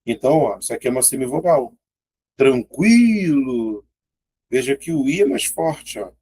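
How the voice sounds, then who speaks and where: A man's voice: mid-range voice, lively intonation, quick pace, darkish tone, slightly rough. A man with a Brazilian Portuguese accent teaching an exam-prep grammar lesson in a casual, chatty way, often pointing things out and checking in with his students.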